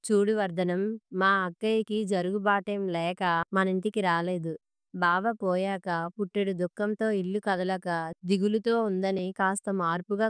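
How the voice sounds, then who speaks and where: A fed-up middle-aged husband snaps back curtly in a spoken storybook, as a woman reading the story voices him. The voice is very clear and smooth, with a dry, close sound. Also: medium pitch, no echo, natural voice. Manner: curt and impatient.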